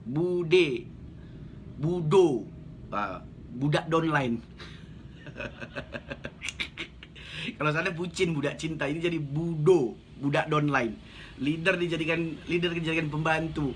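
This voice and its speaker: A man's voice: fairly high pitch, a little slow, a bit bright, slight background noise. Blunt, chatty man coaching. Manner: blunt, joking, chatty, laughs often. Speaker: network marketing coach. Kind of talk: casual live stream talk, reading viewer comments.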